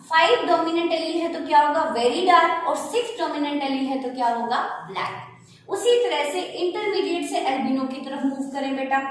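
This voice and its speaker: High-voiced woman teacher in an echoey classroom. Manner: asks questions and answers them herself, calls students "beta". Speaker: biology teacher. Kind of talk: classroom lecture. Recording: echoey room, distant mic, faint noise.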